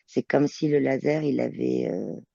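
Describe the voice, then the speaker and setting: Gravelly-voiced woman describing visions hesitantly. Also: a bass voice, measured pace, mellow, dry recording, lo-fi sound. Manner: hesitant, searching for words, many fillers. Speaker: telepath. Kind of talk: describing visions in a channeling session.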